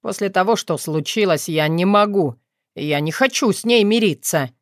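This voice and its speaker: A woman's voice: mid-range voice, lively intonation, normal speed, dry recording, clean studio sound, lightly acted. A woman reader voicing a moping young man who groans and whines. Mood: whiny. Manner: whiny, groaning.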